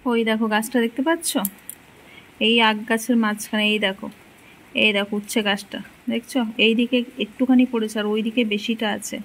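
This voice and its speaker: A woman's voice: on the high side, fairly even intonation, brisk, rough recording. A young woman casually chatting to her viewers in a home vlog, filmed on a phone at home. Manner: chatty, addresses viewers directly; speaks very softly while her child sleeps. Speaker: vlogger. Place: small home kitchen and rooms.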